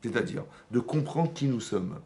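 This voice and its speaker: Animated French rabbi teaching a class. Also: male voice, normal speed, gravelly. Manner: animated, asks the audience questions, rises in pitch and loudness to stress points. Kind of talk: lively Torah lesson to a congregation. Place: synagogue.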